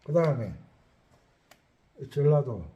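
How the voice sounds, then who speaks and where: A man's voice: medium pitch, expressive, slow pace, dark tone, muffled recording. A man who teaches accordion, talking casually, rambling and thinking aloud as he goes. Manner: chatty, rambling, thinks aloud while listing places. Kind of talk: casual talk to viewers.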